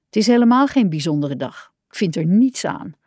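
A woman voicing a small male frog who is curious and quick to get upset, asking eager, wondering questions. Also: medium pitch, sing-song, a little mellow, no room sound, clean studio sound. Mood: glum.

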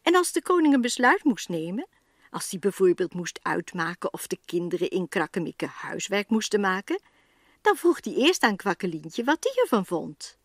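A woman's voice: mid-range voice, very animated, normal speed, dry recording, clean studio sound. A woman storyteller giving scripted narration of a children's tale.

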